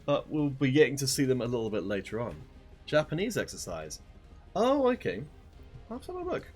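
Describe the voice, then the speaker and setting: Man, esports caster, mid pitch, upbeat live stream chat, faint music behind. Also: wildly swooping pitch, brisk, darkish tone, husky. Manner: upbeat, addresses viewers directly.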